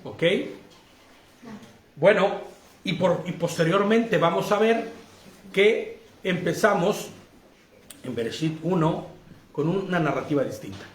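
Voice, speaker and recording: A Mexican man with a high-pitched voice leads a Bible study. He keeps asking his listeners questions and laughs easily as he explains. The sound carries a roomy echo. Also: lively intonation, takes it slowly, pauses often. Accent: Mexican Spanish. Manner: laughs easily while teaching. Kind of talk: interactive Bible study lesson.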